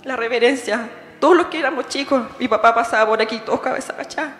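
A woman's voice: on the high side, fast, fairly bright tone. A middle-aged Chilean woman with a Chilean accent, giving a heartfelt, emotional memorial testimony to her congregation. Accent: Chilean Spanish. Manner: heartfelt, emotional, calls listeners "hermano". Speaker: bereaved daughter giving testimony. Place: church hall. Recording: echoey church hall with faint music.

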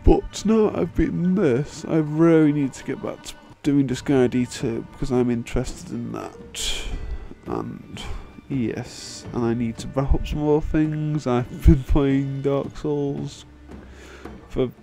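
Speaking slowly with lively intonation, a young man delivers a rambling, self-deprecating, sweary let's play commentary. His medium-pitched voice is warm with vocal fry and tired from long talking, and credits music plays behind his microphone voice-over.

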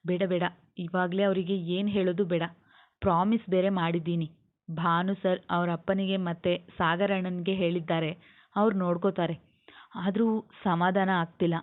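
A woman's voice: on the low side, little pitch movement, moderate pace, natural voice. A woman reading as a tearful, hesitant young woman. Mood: anxious, worried. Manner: hesitant, anxious. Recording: tinny phone-like sound.

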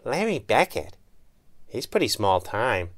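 A man's voice: on the low side, very animated, measured pace, fairly bright tone, exaggerated voice. A man voicing a spirited young woman crime fighter who teases her partner with playful, needling banter. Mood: lively. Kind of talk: audiobook dialogue.

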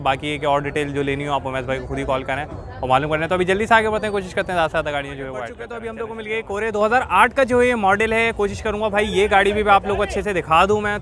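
A car market reviewer from Pakistan, in his 20s, hosts a vlog from an outdoor open market, explaining repetitively during a walkthrough and short interviews. His voice is high with a fairly bright tone. His phone, held at arm's length, also captures the market's busy chatter.

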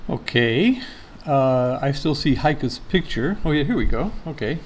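A man's voice: mid-range voice, lively intonation, measured pace, slight background noise. A man speaking as a guest on a video call, making brief offhand remarks. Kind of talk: casual video-call chat.

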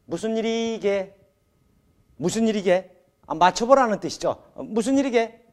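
A man hosting a televised English lesson, energetic and exclamatory, drilling phrases in Korean and English. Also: high voice, normal speed. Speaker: host of an English lesson show. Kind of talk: animated TV lesson presenting.

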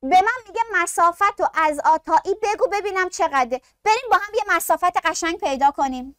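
Lecturing her class on science, a female teacher uses a fairly high, slightly bright voice, asking questions she then answers and affectionately calling students by endearing names. The sound is close and dry, with no room sound at all.

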